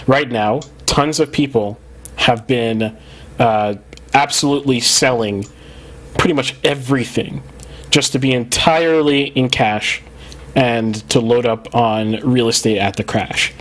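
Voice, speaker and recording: A man's voice: mid-range voice, measured pace. Man on a clipping, distorted mic. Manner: rambling, many fillers and restarts. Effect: clipping, distorted mic turned up too loud. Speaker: podcast host. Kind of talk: casual podcast chat. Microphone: studio mic, gain set too high.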